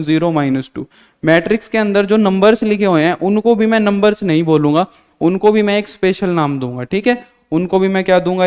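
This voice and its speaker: A man's voice: high-pitched, clean tone, long reverb tail. A male maths teacher giving a live online lesson, drilling students with repeated questions and answers. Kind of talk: live online class lecture.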